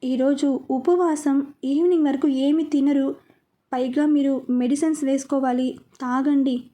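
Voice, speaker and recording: A woman's voice: sits high, fairly even intonation, measured pace, dark tone. A woman voicing a grieving young wife who speaks earnestly and firmly, in a storybook reading. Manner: earnest, pleading.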